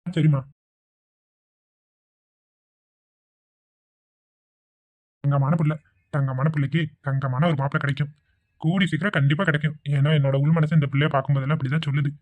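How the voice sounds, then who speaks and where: A woman's voice: deep voice, steady tone, very fast, darkish tone. A woman voicing a kindly elderly man in a cartoon who frets while minding a crowd of children. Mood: gentle. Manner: fretful, flustered. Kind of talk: cartoon voice acting.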